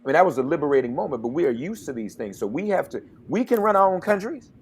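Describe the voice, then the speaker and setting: A man's voice: on the high side, big pitch swings, fast, husky. A man hosting a radio talk show, speaking with passion and getting worked up like a preacher. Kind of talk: interview and commentary.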